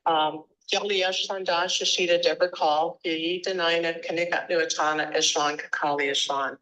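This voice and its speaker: Low-voiced woman over a speakerphone. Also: steady tone, moderate pace, a bit bright, low-quality recording. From Alaska, Upper Cook Inlet. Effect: heard over a cell phone on speakerphone through room microphones. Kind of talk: formal public testimony, read statement.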